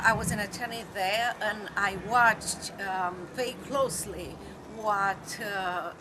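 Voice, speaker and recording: A middle-aged woman from Romania with a Romanian accent, an attorney giving a personal testimony in a hesitant way with many fillers. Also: mid-range voice.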